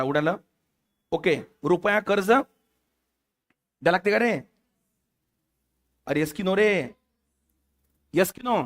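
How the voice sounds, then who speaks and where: High-voiced man quizzing exam students. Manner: quizzes students constantly, mixing English terms. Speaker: competitive exam teacher. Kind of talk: lecture with questions to students.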